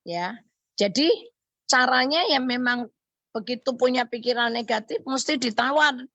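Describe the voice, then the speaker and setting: A woman's voice: on the high side, moderate pace, bright, forceful tone, no room sound. A woman, sharing a personal faith testimony as a radio guest and acting out her own thoughts as she tells it. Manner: earnest storytelling, acts out her own thoughts and quoted lines.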